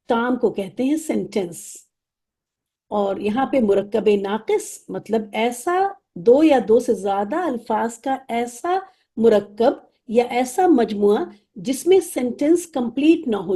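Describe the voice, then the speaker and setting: A woman teaching an Arabic lesson, patient and repeating each word slowly, with English terms in her explanation. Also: high voice, dark tone, breathy edge. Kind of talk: online lesson, explaining vocabulary.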